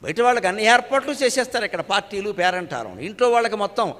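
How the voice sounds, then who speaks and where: An older man with a high, fairly bright voice gives an animated religious discourse in a hall with long reverb. As a spiritual lecturer, he chants Telugu verses slowly and then explains them in conversational asides.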